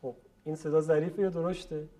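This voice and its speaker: A man teaching a class how to pronounce Arabic letters, politely asking students questions and stretching out example words slowly. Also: a little high, level tone, warm tone. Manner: slow, drawn-out model pronunciations. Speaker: Quran recitation teacher. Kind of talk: classroom lesson on letter pronunciation.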